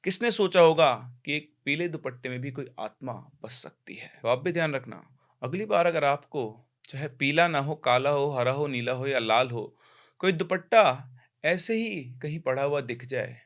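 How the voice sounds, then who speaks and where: A man's voice: mid-range voice, moderate pace, fairly bright tone. Man telling a horror story casually. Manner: conversational, explaining with restarts.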